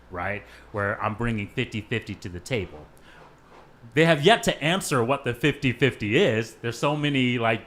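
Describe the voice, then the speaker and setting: Hosting a casual panel podcast, a man with a lowish, slightly bright voice questions his guests in a conversational way. He frequently checks in with "right?" and "okay."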